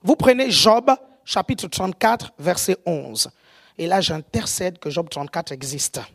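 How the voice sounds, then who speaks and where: A preacher with an African French accent gives a sermon, often shouting and checking whether the audience is following. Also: mid-range voice, unhurried. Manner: animated, often shouting, keeps asking the audience if they follow.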